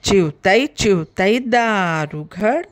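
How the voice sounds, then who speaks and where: A woman voicing a lazy, cold, wet male crow who calls at a door in a slow, drawn-out voice. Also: medium pitch, lively intonation. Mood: pleading.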